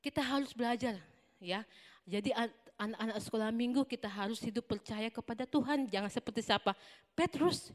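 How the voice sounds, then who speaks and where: A woman teaching a children's Sunday school Bible lesson in an animated way, quizzing the children with questions. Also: mid-range voice. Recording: long hall reverb.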